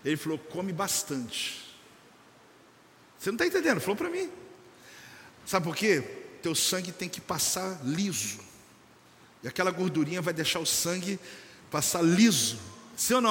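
A high-pitched, animated man preaching at a church service, swinging his voice up and down as he jokes and acts out little scenes. His tone is bright and cutting, and the sound carries a long hall reverb. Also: a little fast, a little hiss or hum. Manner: animated, joking, acts out church members and a doctor. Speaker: apostle and church leader. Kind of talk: lively sermon.

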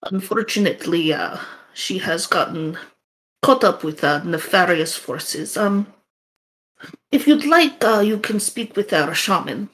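A woman's voice: mid-range voice, animated, unhurried, a bit bright. A woman voicing a polite male fox-folk villager in a put-on Russian accent, speaking hesitantly with many fillers.

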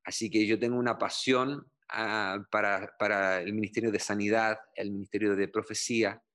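A middle-aged pastor from Chile giving his testimony in an interview, speaking earnestly with frequent fillers and halting restarts. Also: fairly low pitch, steady tone, fairly bright tone.

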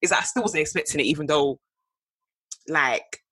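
A woman's voice: deep voice, moderate pace, fairly bright tone, husky, dry recording. A young woman, chatting casually as a podcast co-host, often laughing and trailing off mid-sentence. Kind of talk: casual chat.

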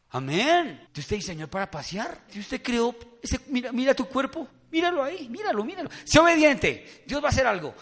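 A man preaching an animated sermon as pastor, breaking into playful voices for Bible scenes. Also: high voice. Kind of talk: lively sermon.

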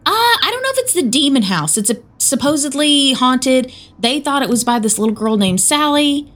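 A woman's voice: high voice, big pitch swings, moderate pace, fairly bright tone. A woman with a Southern American accent, co-hosting a podcast and chattily retelling a spooky story. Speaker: podcast co-host. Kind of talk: casual storytelling chat.

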